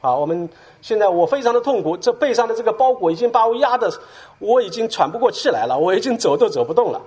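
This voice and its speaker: A man voicing a burdened, anguished male pilgrim in a retold story, speaking in a pleading and urgent way with a husky voice. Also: high-pitched, very animated, fast, darkish tone, voice pushed up, exaggerated voice.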